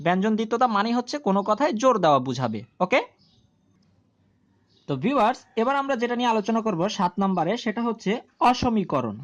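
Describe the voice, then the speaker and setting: A woman teaching a grammar lesson to video viewers, explaining slowly and repeating key terms, often asking a question and answering it herself. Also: mid-range voice, sing-song, highs cut off.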